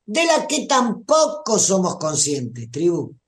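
A woman's voice: medium pitch, huge pitch swings, slow pace. A woman with a Rioplatense Spanish accent, giving a casual spiritual self-growth talk and often asking the listener questions. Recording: echoey room.

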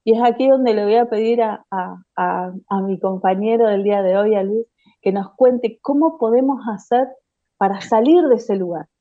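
A woman hosts a spiritual talk and hands over to her guest in a measured way. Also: medium pitch, no room sound, phone-quality sound. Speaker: host.

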